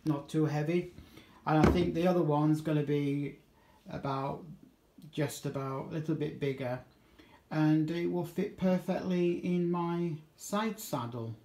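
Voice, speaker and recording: This amateur radio vlogger has a mellow, fairly high-pitched voice and a measured pace. Shooting on a handheld phone in an echoey home kitchen, he runs through a casual, off-the-cuff demonstration, hesitating, wandering, and fixing his own mistakes as he talks.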